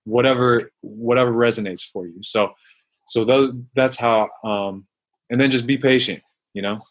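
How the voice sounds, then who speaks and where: A man's voice: medium pitch, fairly even intonation, normal speed. A man answering interview questions in a reflective, searching way, full of fillers and restarts, now and then acting out his own inner voice. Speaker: guest, former basketball player and mindfulness coach.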